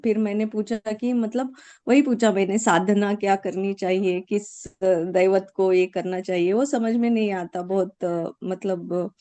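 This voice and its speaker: A woman's voice: mid-range voice, steady tone, unhurried, mellow. A woman participant in a group session, sharing her experience hesitantly with many fillers. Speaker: workshop participant.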